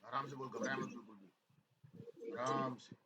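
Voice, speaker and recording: A man teaching English speaking practice, gently coaxing his students to speak without fear. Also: mid-range voice, fairly even intonation, moderate pace. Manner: coaxing, calls students "beta" often. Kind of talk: encouraging feedback to students. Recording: muffled lo-fi with loud background noise and clicks.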